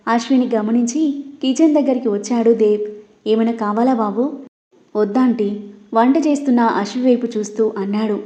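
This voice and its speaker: Female story narrator, steady dramatic read, echoey room, slightly dull recording. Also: on the high side. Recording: roomy, dull lo-fi.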